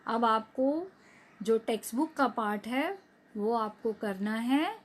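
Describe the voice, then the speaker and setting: A woman teacher with a somewhat high voice talks at a very slow, careful pace. She gives a recorded lesson to young children and stretches out each word so they can repeat after her. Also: a little hiss or hum. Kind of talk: recorded online class lesson.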